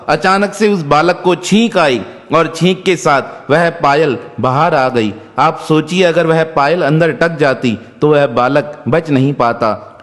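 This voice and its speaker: A man's voice: on the high side, big-room sound. A man narrating devotional miracle stories in a solemn, scripted storytelling manner.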